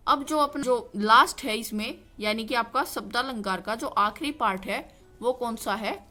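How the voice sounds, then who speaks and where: A woman with a fairly high voice gives a classroom-style grammar lesson. She keeps asking her own questions and answering them. Faint music plays behind her. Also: pushed and bright. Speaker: Hindi grammar teacher.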